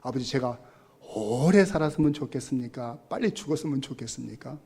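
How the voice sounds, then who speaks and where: Man voicing a respectful son, soft-spoken and earnest. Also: medium pitch, animated, brisk, husky. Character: earnest grown son pleading politely with father.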